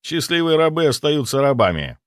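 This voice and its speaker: A man voicing a cold, sardonic male necromancer who speaks in a measured, mocking way. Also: on the high side, sing-song, smooth, no room sound, clean studio sound, pitched above the performer's own voice.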